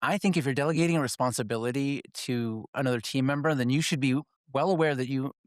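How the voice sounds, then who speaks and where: A man on a podcast panel, talking in a measured, slightly hesitant way with fillers. Plain mid voice, recorded dry and close. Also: mid-range voice, no room sound. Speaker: podcast co-host. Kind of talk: casual podcast discussion.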